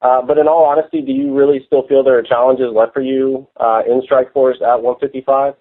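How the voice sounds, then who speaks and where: Male reporter, average pitch, informal questioning delivery, narrow-band telephone sound. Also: little pitch movement, fairly quick. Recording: muffled phone conference line.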